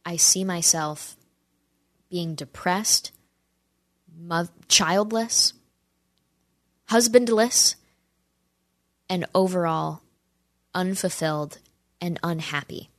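A woman's voice: lowish voice, slow, long pauses, no room sound, studio quality. A woman in her twenties giving an earnest, persuasive opinion talk and speaking straight to her viewers. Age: 20s. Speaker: commentator answering audience questions.

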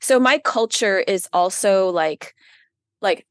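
A woman's voice: mid-range voice, lively intonation, takes it slowly, clean tone, no echo. A woman from the United States, a guest on a podcast, talking casually with many fillers and earnest rambling. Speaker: guest, witchcraft practitioner. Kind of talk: casual interview chat.

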